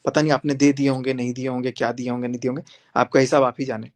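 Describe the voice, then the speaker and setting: A man's voice: medium pitch, flat delivery, racing. A young man on a live stream, speaking defiantly and confrontationally, repeating phrases for emphasis as he challenges his critics. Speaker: social media creator on a live stream. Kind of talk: heated live-stream monologue.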